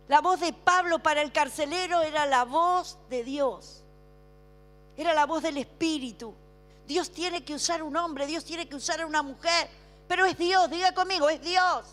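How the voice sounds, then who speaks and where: Woman preacher, high voice, call-and-response sermon, long hall reverb, soft music underneath. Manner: call-and-response, asks congregation to repeat; swings between emphatic slow declarations and hushed drops.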